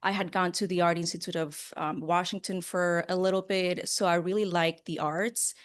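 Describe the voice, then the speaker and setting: Female interview guest, slightly low voice. Earnest, casual storyteller who leans on key words. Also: steady tone, normal speed. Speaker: interview guest, broadcast journalist.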